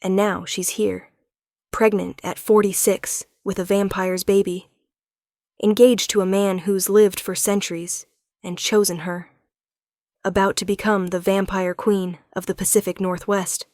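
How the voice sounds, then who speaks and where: A woman giving smooth, unhurried scripted narration of a romance story. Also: mid-range voice, little pitch movement, darkish tone, no echo, clean studio sound.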